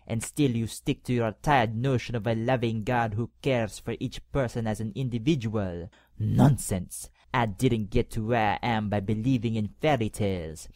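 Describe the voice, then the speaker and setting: An actor playing a power-hungry cardinal who talks to the pope in a condescending, mock-polite way in an audio drama. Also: male voice, fairly low pitch, a little mellow, no echo, clean studio sound, lightly acted.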